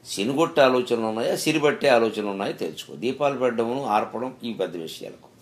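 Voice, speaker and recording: A man's voice: medium pitch, expressive, fast talker, a little hiss or hum. A middle-aged man giving a spiritual discourse, telling stories and asking rhetorical questions with emphatic rises. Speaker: spiritual speaker.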